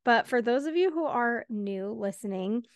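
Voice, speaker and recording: A woman hosting a casual solo podcast, chatty and quick, a little out of breath, laughing between words. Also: fairly high pitch, animated, no echo. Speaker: podcast host.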